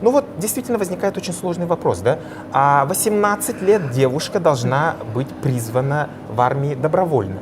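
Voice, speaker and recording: A man moderating a TV studio discussion, speaking in hesitant, halting phrases. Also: a little high, animated, over music. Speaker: TV debate moderator. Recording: clearly noisy sound.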